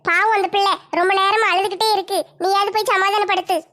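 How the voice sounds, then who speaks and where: A woman doing a low-voiced gossipy village neighbour. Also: little pitch movement, quick pace. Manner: hushed, nosy.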